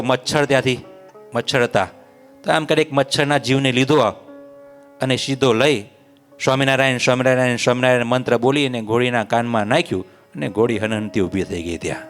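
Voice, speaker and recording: A man's voice: mid-range voice, a bit bright. A man narrating a devotional story as a religious storyteller, repeating phrases in a sing-song way.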